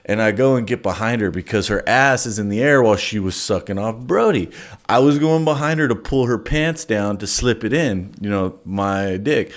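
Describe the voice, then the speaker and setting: A man's voice: lowish voice, moderate pace. A man telling a story in a casual monologue, crude and profane, rambling with lots of fillers.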